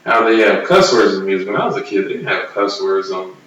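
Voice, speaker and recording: A man's voice: low voice, lively intonation, fast talker, a bit bright, dull audio. A laid-back man, co-hosting a casual chat show. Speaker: show co-host. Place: echoey room, away from the mic. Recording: very echoey room, distant mic, faint noise.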